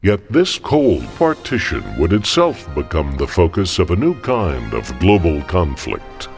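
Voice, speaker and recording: A man's voice: deep voice, huge pitch swings, unhurried, music in the background. A man narrating a historical documentary from a script.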